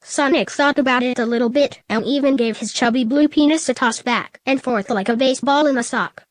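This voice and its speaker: A woman reading fan fiction aloud in a steady, plain way. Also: sits high, fairly quick, no echo.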